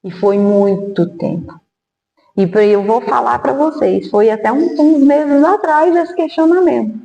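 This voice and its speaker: A woman's voice: a little high, unhurried, vocal fry, dark tone, dull audio. A woman telling her personal testimony as a podcast guest, earnest, now and then acting out remembered dialogue. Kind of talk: emotional personal storytelling. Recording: echoey hall.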